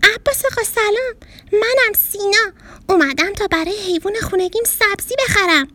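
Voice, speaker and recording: A woman voicing an excitable, easily scared young boy in a children's story, with shrill urgent cries. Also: dry recording. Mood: cheerful.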